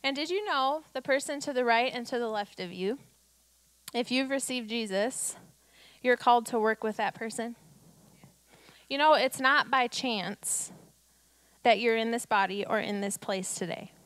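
A woman in her thirties gives a sermon from a church stage at a measured pace, her fairly high voice smooth and fairly bright, recorded dry through a handheld mic. Her style is exhortative, full of rhetorical questions and acted-out quotes.

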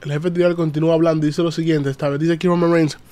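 A man, recapping wrestling on a casual live stream, chatty and animated, greeting viewers in the chat. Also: fairly high pitch, rapid-fire, dry recording.

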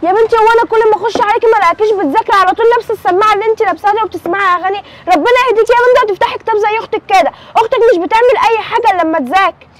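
A woman's voice: very high voice, rapid-fire, slight background noise. A woman with an Egyptian accent playing a strict mother who nags and scolds her daughter. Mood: scolding. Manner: scolding, nagging.

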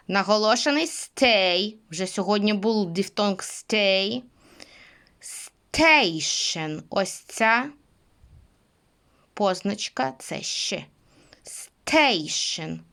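A woman's voice: mid-range voice, a bit bright. A woman teaching English pronunciation, speaking patiently and repeating words for her students. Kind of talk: pronunciation lesson.

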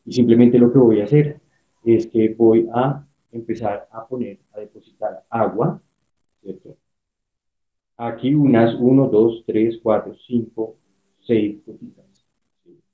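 A man's voice: medium pitch, steady tone, a little slow. A man with a Colombian Spanish accent teaching a prerecorded online art class, patient and step-by-step, checking in often with his students. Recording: echoey room, tinny phone-like sound.

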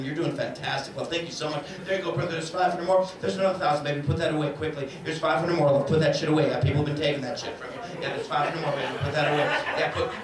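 A middle-aged man working as a stage hypnotist, giving loud, profane commands and counting up to three in a live show, holding a handheld mic on a large theater stage. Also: on the high side. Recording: echoey hall from far off. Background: loud music and laughing crowd.

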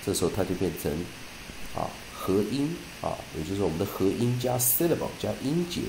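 Reading dictionary entries slowly and carefully, a man gives English pronunciation lessons in a fairly low, sing-song, gravelly voice. His explanations lean on repeated terms and "ah" fillers, and the audio is reverberant with background noise.

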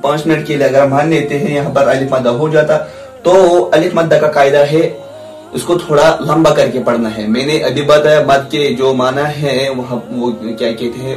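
A man with a slightly raised pitch explains reading rules at a very slow, deliberate pace, repeating each point and stretching the sounds of examples. His voice sits back from the mic in an echoey room. Faint music plays underneath. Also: a little mellow, distant mic. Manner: slow, repetitive explaining, drawing out example syllables. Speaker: Quran recitation teacher. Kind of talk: recorded lesson on Arabic reading rules.

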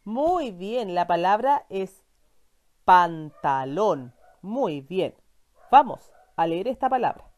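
A woman's voice: mid-range voice, animated, slow, mellow. A woman teacher, giving a reading lesson to young children in a patient, encouraging way and answering her own questions.

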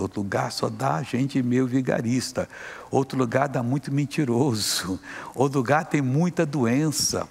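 A man's voice: mid-range voice, gravelly, darkish tone, husky, long reverb tail. A man with a Brazilian Portuguese accent preaching a sermon, telling stories and acting out dialogue.

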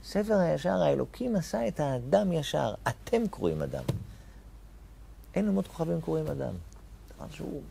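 Animated, gravelly-voiced rabbi teaching a lesson. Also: male voice, on the high side, slight background noise. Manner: asks rhetorical questions and repeats key phrases; emphatic, rising sharply on key words. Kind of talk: Torah lesson.

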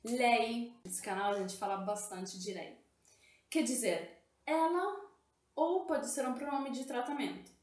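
Slow, clear-spoken woman teaching Italian. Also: fairly high pitch, echoey room. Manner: explanatory, slow, checks in with "tá?". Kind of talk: language lesson.

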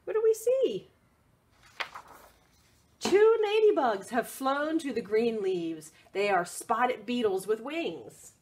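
A woman reads a picture book aloud at children's storytime in a fairly high, slow, sing-song voice full of expression, asking the young listeners questions as she goes.

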